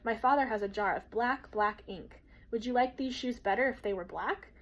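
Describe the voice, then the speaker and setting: A woman's voice: fairly high pitch, normal speed, lightly acted. Woman reading as a sensible, kind young girl. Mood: coaxing.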